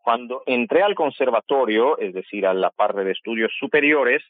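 A man's voice: mid-range voice, expressive, normal speed, no room sound. A man from Armenia, a native Armenian speaker, chatting cheerfully about his life as a musician during a remote interview, laughing often. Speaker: guest musician. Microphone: phone or video call. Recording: tinny dry call line.

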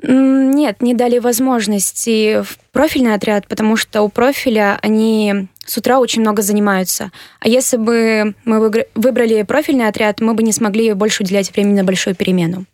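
An eighteen-year-old woman from Kyrgyzstan answering interview questions earnestly, pausing with fillers as she thinks. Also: a little high, fairly even intonation, darkish tone, no room sound, clean studio sound. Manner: earnest, measured, with hesitant fillers. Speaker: interviewee, university applicant.

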